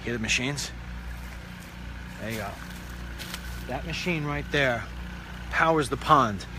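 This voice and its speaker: A man's voice: mid-range voice, takes it slowly, noisy background. Chatty man rambling on an outdoor walk. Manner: chatty, rambling, joking asides. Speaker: show host. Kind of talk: casual walk-and-talk vlog. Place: outdoors on a rural property by a pond.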